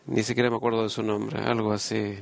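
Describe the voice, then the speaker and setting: A man giving a Spanish voice-over of a conversation, earnest and halting, with many pauses and fillers. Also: on the low side, flat delivery, gravelly.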